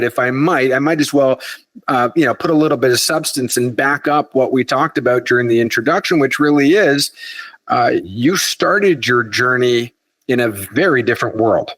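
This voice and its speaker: A man hosting a podcast interview, halting and repeating words as he builds his questions. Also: medium pitch, fairly bright tone, dry recording. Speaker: podcast host. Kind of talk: interview conversation.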